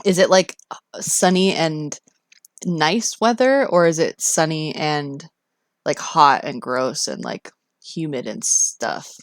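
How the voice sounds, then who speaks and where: A Canadian woman with a low voice talks casually as a live streamer would to her viewers. She takes her time, restarting sentences and reacting expressively, and the sound is close and dry. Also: slow pace, dry recording.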